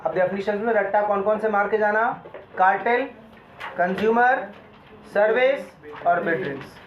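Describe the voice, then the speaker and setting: A man's voice: sits high, moderate pace, slight background noise. A male law lecturer teaching a classroom, mixing Hindi with English terms and asking his students questions as he goes. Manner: addresses students as "beta", quizzes them often. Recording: echoey room, dull lo-fi sound.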